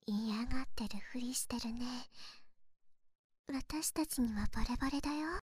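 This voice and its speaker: A woman's voice: on the high side, a little slow, slightly rough, no echo. A young woman voicing a teasing invisible girl from the future, mocking and whispering close to the ear. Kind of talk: ASMR whispering roleplay. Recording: loud hiss under the voice.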